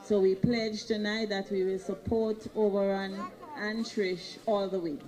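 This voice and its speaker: A woman's voice: medium pitch, fairly even intonation, a little mellow, low-quality recording. A woman with a Grenadian accent from Grenada, giving an earnest tribute at a wake. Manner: slow and earnest.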